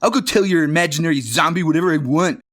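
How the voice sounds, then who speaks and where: A man voicing a sneering schoolboy bully in a read-aloud storybook, loud and taunting. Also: fairly high pitch, quick pace, pitched above the performer's own voice.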